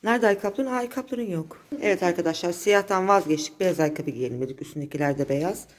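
A woman's voice: fairly low pitch, quick pace. Chatty mother coaxing her child. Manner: coaxing, chatty, talks to both child and viewers. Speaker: mother and family vlogger. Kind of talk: family vlog chat.

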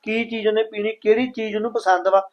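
Fast-talking calm father, lo-fi sound. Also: sits high. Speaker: father in a family drama. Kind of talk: scripted family drama acting.

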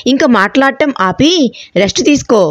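A woman's voice: sits high, animated, moderate pace, no room sound, highs cut off. A woman doing Ishan, a bossy rich young man. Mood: stern. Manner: curt commands, then teasing.

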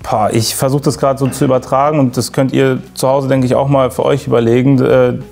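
A young man hosts an interview and asks his questions in an earnest, searching way. His voice sits in a middle pitch, and he often pauses with fillers while he works out his words. He speaks indoors in a youth centre lounge. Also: little pitch movement, vocal fry, a little mellow, faint music behind. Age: young adult. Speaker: YouTube interviewer. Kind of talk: hosting an interview.

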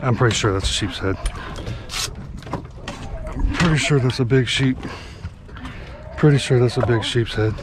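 A man with a medium-pitched voice, speaking at a normal speed and pausing often, hosts a fishing vlog from an open boat at sea. As a guide and channel host, he gives lively play-by-play while reeling in fish, recorded on an action camera amid boat engine and water noise.

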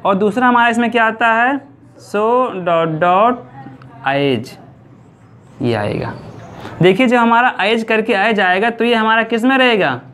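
A man teaching English grammar, asking questions and answering them himself, stretching out example words slowly. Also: high-pitched, a bit bright, slight background noise. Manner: repeats points slowly, drawing out example words. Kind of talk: classroom-style grammar lesson.

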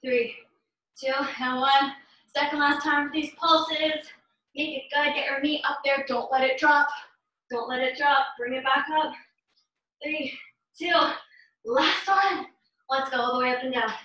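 With a high, bright and forceful voice, a young woman paces her instructions in a measured way, pausing often. She leads a living-room workout as an urgent, encouraging gym coach, calling short repeated commands and counts as she exerts herself. A camera a few metres away records her, making the room sound very echoey.

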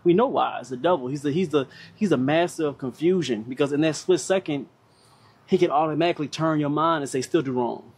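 A man in his thirties speaks in a somewhat high, raspy voice. He delivers a motivational monologue like a preacher, leaning on his points and circling back over the same phrases in a halting way. He is talking outdoors on a deck. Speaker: fitness vlogger. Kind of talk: motivational monologue to a live audience online. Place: outdoor balcony deck with workout equipment.

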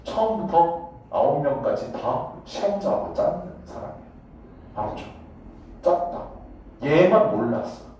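A man teaching a high school English class in a blunt, joking way, swearing casually and often checking whether the students follow. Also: sing-song, a little slow, mellow, highs cut off. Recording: echoey classroom from a distance.

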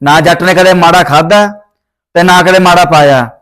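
A man's voice: high-pitched, fairly even intonation, moderate pace, fairly bright tone. A young man playing a rude, domineering son-in-law who barks orders at his family. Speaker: actor playing a drunk, bossy son-in-law. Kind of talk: family short film acting.

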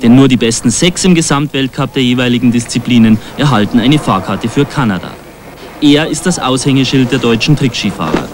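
A man reading the scripted voice-over of a TV sports report in a measured, informative way. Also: mid-range voice, expressive, noisy background. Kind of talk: scripted narration. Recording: voice-over with music bed.

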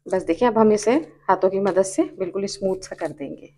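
A woman with a Pakistani Urdu accent talks viewers through a recipe at an easy, steady pace. She explains each step patiently and repeats her cautions so nobody misses them. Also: medium pitch, fairly quick, slight background noise. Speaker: cooking channel host. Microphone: off-camera voice over hands-only cooking shots.

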